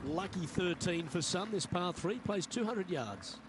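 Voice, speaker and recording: A man giving measured, understated play-by-play as a golf commentator. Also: sits high, expressive, music in the background.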